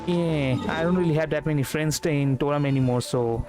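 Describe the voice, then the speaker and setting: A young man from India casually commentates a game livestream, rambling and repeating words as he goes. His voice is a little high and a little fast, with game music in the background.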